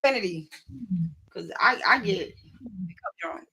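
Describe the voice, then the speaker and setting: A woman's voice: medium pitch, animated, takes it slowly, vocal fry, sharp tone, breathy edge, low-quality recording. A woman in her thirties talking bluntly and playfully in a casual live chat, often laughing mid-sentence. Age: 30s.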